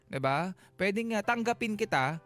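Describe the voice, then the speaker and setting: A man with a Filipino accent co-hosts a radio advice show from a studio, with background music playing. His voice sits high and bright, animated at a normal speed. He talks casually in emphatic, playful Taglish, switching codes and tossing in frequent rhetorical tag questions.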